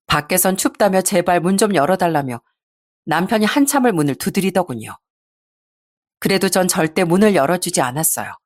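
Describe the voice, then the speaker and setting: A woman's voice: fairly low pitch, no echo, clean studio sound. A woman narrating a scripted first-person story in an indignant storytelling manner.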